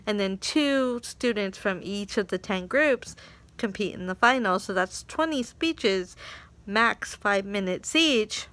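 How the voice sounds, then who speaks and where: A young woman who works as an English teaching assistant tells a story from her day in a casual vlog, laughing often and acting out what people said. Her medium-pitched voice is animated and a bit bright, and she takes her time.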